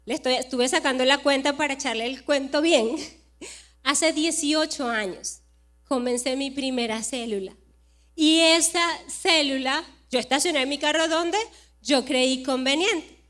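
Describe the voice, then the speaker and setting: Woman pastor, high voice, animated sermon storytelling, acts out the dialogue. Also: unhurried. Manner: animated storytelling, acting out dialogue with emphatic rises.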